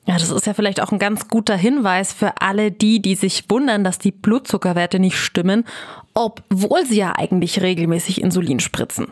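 Eine Moderatorin erklärt in einem Gesundheitsformat und spricht die Zuschauer direkt an. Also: female voice, mid-range voice, normal speed. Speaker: presenter. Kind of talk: scripted health explainer.

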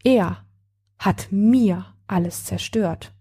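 A woman's voice: mid-range voice, drawn-out words, dark tone, slightly rough, exaggerated voice. A woman voicing a hurt, angry woman in a read-aloud story, brooding and then bitterly cursing her ex-partner.

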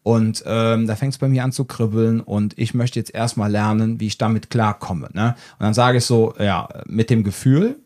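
A man's voice: fairly low pitch, little pitch movement, moderate pace, hardly any pauses, a little mellow. A man co-hosting a podcast as a self-defence trainer, chatting casually and telling anecdotes with little quoted dialogues.

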